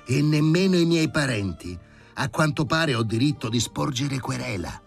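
A man's voice: mid-range voice, expressive, normal speed, creaky, faint music behind, voice pushed up. A man voicing a coarse, cocky man who used to be a stray dog, talking back with brash, sarcastic insolence in an audiobook reading.

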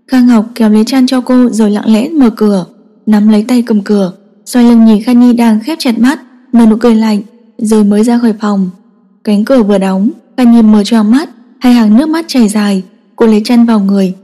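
A woman narrating a dramatic story in a steady, emotive reading. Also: a little high. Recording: long echoing reverb.

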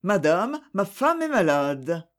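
A poor old flatterer who whimpers for charity, as an audiobook reader voices him. He pleads in a lively, up-and-down voice and takes his time over each phrase. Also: mid-range voice, slow. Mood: pleading. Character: whining poor older man, sly flatterer.

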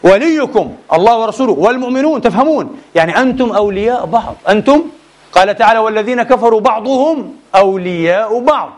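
Preacher guy lecturing fast, high voice, keeps firing questions at the crowd. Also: animated, darkish tone. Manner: argumentative, full of rhetorical questions to the audience. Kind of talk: religious lecture.

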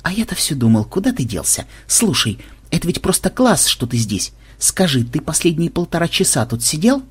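Burly, blustering tavern keeper, played by a man; loud, husky, talkative. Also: fairly high pitch, big pitch swings, moderate pace, heavily acted.

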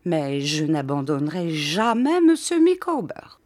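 A woman reading an audiobook, voicing a distraught, devoted middle-aged wife who declaims in a high, tearful voice. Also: very animated, a little slow, a little mellow. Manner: declaiming, rising to cries.

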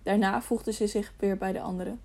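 A woman narrating a storybook audiobook in a steady reading voice, now and then slipping and restarting a word. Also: mid-range voice, brisk.

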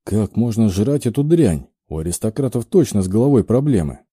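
A man's voice: lowish voice, big pitch swings, brisk, mellow, slightly rough, no room sound, clean studio sound. A man playing a blunt, grumbling young warrior in an audiobook. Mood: sardonic.

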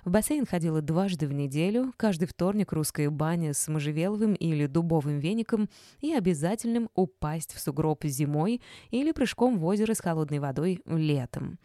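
A woman reads a first-person novel aloud in a wry, measured way. Her voice sits on the lower side with a mellow, dark tone. The recording is dry and close. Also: no room sound. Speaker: audiobook narrator.

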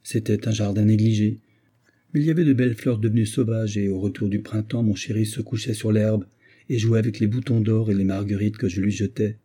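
A man reading the part of a gentle young wife and mother in a tender, pleading tone. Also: fairly low pitch, fairly even intonation, fairly quick, natural voice.

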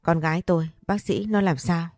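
Woman reading as a worried old mother, low mellow voice. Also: fairly even intonation, normal speed, dry recording, clean studio sound, faint music behind, lightly acted. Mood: anxious. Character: anxious older mother, trembling.

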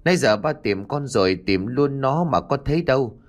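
A man voicing a patient village father who gently coaxes his daughter. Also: mid-range voice, expressive, moderate pace, voice pushed up, close to an everyday voice. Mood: soothing. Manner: soothing, coaxing.

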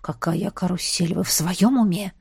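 A woman's voice: mid-range voice, moderate pace, a little mellow, no echo, close to an everyday voice. Woman reader doing an aloof storybook duke; dry, clipped. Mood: grumbling. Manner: dispassionate, curt. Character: cold aloof male duke, grumbling.

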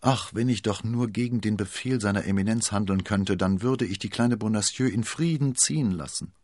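A kindly older abbess, soft and full of pity, speaking in a low, husky voice, as a male narrator plays her. She sounds guileless and warm-hearted, a storybook nun. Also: moderate pace, no echo, clean studio sound, lightly acted. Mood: compassionate. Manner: gentle, pitying.

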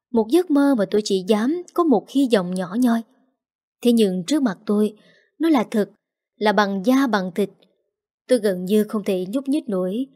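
Mellow-voiced woman narrating an emotional story. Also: medium pitch. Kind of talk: first-person audio story narration.

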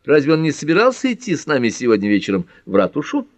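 A man's voice: on the high side, wildly swooping pitch, quick pace, no echo, voice pushed up. A man voicing a fussing middle-aged mother in an audiobook, asking anxious questions in a raised voice. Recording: dull dry lo-fi audiobook.

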